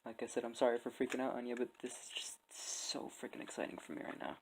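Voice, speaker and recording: Gravelly excitable man building a model. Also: mid-range voice, quick pace, slight background noise, poor audio. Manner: excitable, laughs often, apologetic. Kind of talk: casual hands-on vlog narration. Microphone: phone camera on a stand.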